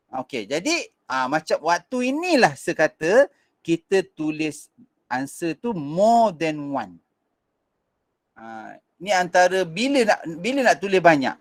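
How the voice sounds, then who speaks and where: A Malaysian man teaching an online physics revision class, mixing in English, with frequent fillers and restarts. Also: a little high.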